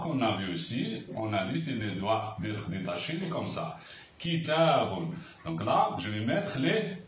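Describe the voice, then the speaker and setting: Patient male teacher, slow and lively in pitch, recorded at a distance in an echoey room. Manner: patient, repeats words, many hesitations. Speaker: Arabic teacher. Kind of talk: slow handwriting lesson. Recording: roomy, far from the mic, faint hiss.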